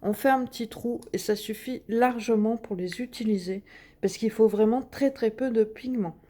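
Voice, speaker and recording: Woman hosting a craft tutorial; chatty, filler-heavy, mellow and higher-pitched. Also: normal speed. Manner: chatty, many fillers and little "hop" sounds while working. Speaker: craft video host. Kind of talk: casual craft demonstration.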